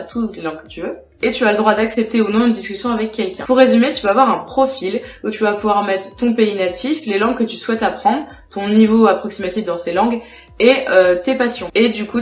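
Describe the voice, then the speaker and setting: A young woman giving casual tips to her viewers in a chatty vlog, talking straight to the listener. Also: mid-range voice. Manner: chatty, addresses viewer directly. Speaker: vlogger. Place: indoors at home with a cat. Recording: echoey room with faint music.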